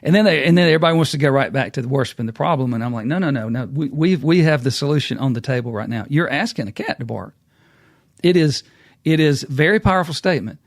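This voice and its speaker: A man's voice: mid-range voice, animated, quick pace, dry recording. Folksy man, dry close sound. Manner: folksy storyteller acting out quotes. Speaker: podcast host. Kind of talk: casual business talk.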